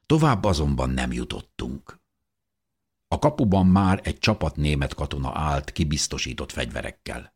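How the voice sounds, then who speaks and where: A man narrating a first-person audiobook in an earnest, measured way. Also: a bass voice, expressive, slightly rough.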